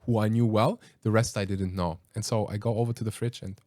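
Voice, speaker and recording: Guy hosting a podcast, retelling a story all animated, lots of ums, dry close sound. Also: lowish voice, fairly quick, no room sound. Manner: animated retelling that acts out quoted lines; hesitant, with many ums and restarts. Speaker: podcast host. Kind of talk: casual storytelling chat.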